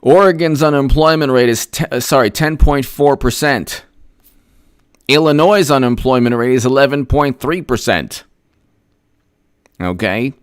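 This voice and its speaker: A man's voice: medium pitch, unhurried, long pauses, clear, resonant tone, dry recording, clean studio sound. A man hosting a political commentary livestream, sarcastic and emphatic as he rattles off statistics and thanks viewers for their messages. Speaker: host.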